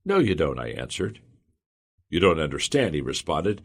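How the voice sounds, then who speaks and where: A man reading a motivational audiobook in the first person, earnest and measured. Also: extremely low pitch, very animated, husky. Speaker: audiobook narrator. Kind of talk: scripted audiobook narration.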